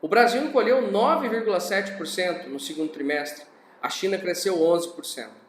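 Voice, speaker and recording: Man, teacher, somewhat high voice, conversational lecture, echoey room. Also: normal speed, slight background noise. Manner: conversational, frequent tag questions. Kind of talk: recorded class lecture.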